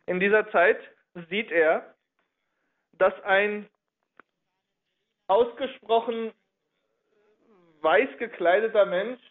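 A man telling a religious history story in a halting way, often reworking his sentences partway through. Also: high-pitched. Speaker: religious speaker. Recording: narrow phone-like audio.

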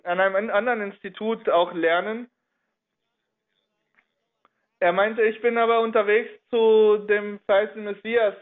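High-voiced man telling a religious story over narrow audio. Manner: halting, reworks sentences mid-flow. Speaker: religious speaker. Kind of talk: recounting a religious history story.

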